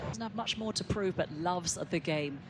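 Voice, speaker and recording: High-pitched male golf commentator, noisy outdoors. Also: moderate pace. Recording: clear outdoor background noise.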